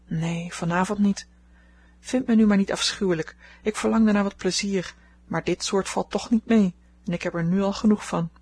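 Young woman at a ball, rueful and a little husky, read by a woman narrator. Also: medium pitch, steady tone, moderate pace, darkish tone.

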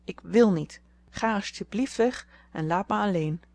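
A woman's voice: lowish voice, a little fast, a little mellow, dry recording, close to an everyday voice. A woman reading the part of a flustered, timid young girl who stammers shyly. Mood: defiant. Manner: stammering, shy.

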